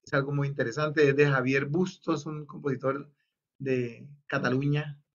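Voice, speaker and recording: A man's voice: medium pitch, fairly even intonation, moderate pace, muffled recording. A man directing a choir over a video call, explaining the exercise and then demonstrating it by half-singing the phrases. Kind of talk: online choir rehearsal instruction.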